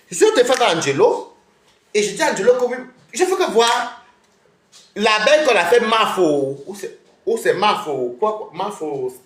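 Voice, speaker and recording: Female streamer, confrontational and mocking, very lively delivery, roomy echo. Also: mid-range voice. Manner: confrontational, scolding, laughs mockingly. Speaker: live streamer. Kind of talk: heated live-stream rant. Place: at home.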